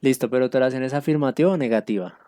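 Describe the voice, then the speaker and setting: Male language teacher, mellow, patient explainer over a dry video call. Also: mid-range voice, racing, no room sound. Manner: patient, explanatory, with frequent fillers. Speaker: English teacher. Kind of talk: online class instruction.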